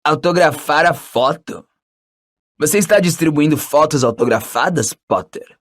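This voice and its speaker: A man's voice: on the high side, animated, unhurried, a bit bright. A man voicing an arrogant, scornful rich schoolboy bully in an audiobook, with a mocking drawl. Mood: sneering. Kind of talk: audiobook character voice.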